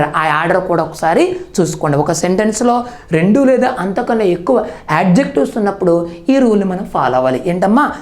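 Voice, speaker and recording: A woman's voice: mid-range voice, darkish tone. A woman teacher with a Telangana Telugu accent runs an exam-prep grammar class. She fires questions at the listeners, answers them herself and keeps checking that they follow. Her voice sits in a mid range and carries a roomy, echoing sound. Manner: quizzing, answers own questions, checks with "okay?".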